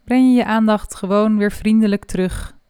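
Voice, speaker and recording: A woman leading a guided body scan meditation, speaking slowly and softly with long pauses. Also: mid-range voice, smooth, no echo, clean studio sound. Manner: slow, soft and calm with long pauses.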